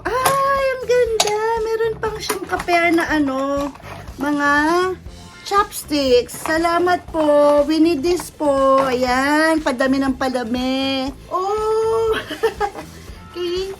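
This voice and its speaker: Middle-aged woman, Filipino accent, high voice, effusive casual unboxing chat, background music. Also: slow pace. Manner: effusive, mixes English and Tagalog, thanks gift-givers. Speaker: vlogger.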